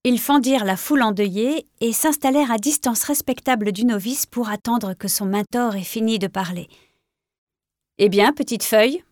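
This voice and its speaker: A woman narrating an audiobook with a clear, expressive reading. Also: fairly high pitch, moderate pace, hardly any pauses, dry recording, studio quality.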